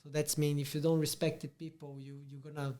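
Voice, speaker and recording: A Brazilian podcast host with a Portuguese accent runs a casual interview, rambling through questions with frequent restarts and fillers. His voice is a little high, warm and level in tone, and his pace is brisk.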